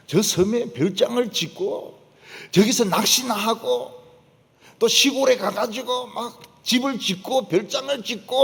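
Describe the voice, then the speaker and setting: An older man preaching, emphatic, repeating his points and dropping to low asides. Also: gravelly. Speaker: pastor. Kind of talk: sermon. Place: church sanctuary. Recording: long church hall reverb.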